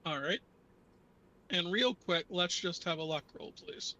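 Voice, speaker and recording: Male game master, higher-pitched and bright, unhurried halting narration of a tabletop game. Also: expressive, rough recording.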